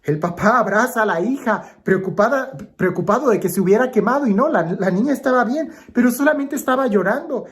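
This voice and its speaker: With a very high, animated male voice, a priest gives an Advent homily, slow and dramatic, moving between emphatic lines and hushed ones.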